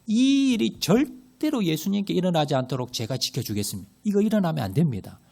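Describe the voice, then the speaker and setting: A pastor acting out an impulsive disciple pleading urgently. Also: male voice, a little high, a little fast, creaky, exaggerated voice. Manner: excited, pleading.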